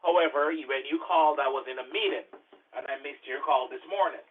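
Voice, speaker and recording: Man talking fast on a tinny landline, smooth scripted pitch, not a native english speaker. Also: a little hiss or hum. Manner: fast-talking, well-spoken sales pitch. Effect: over a landline phone. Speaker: scam caller. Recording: tinny phone line.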